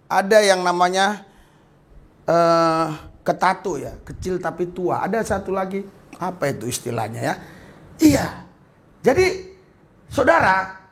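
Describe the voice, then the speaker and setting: A man with a high-pitched voice delivers a sermon as pastor. His emphasis swings sharply, rising and growing louder on key words. Now and then he slips into the voices of the people he quotes. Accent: Indonesian. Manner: preaching with sudden jumps in pitch and loudness, acting out quoted speakers.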